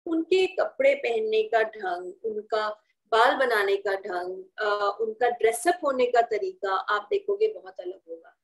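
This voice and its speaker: A woman's voice: medium pitch, measured pace, low-quality recording. A woman trainer giving an online training session. She often hesitates, slips English phrases into her Hindi, and checks in with her listeners by asking "right?".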